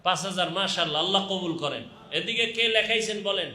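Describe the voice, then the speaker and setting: Man, Bangladeshi accent, very bright forceful voice, religious fundraising appeal, urging and repetitive, echoing loudspeaker sound. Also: high voice, quick pace. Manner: urging, repetitive calls to the crowd. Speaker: preacher leading a donation appeal. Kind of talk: live religious fundraising appeal, calling out donations with short blessings. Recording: echoing public-address sound.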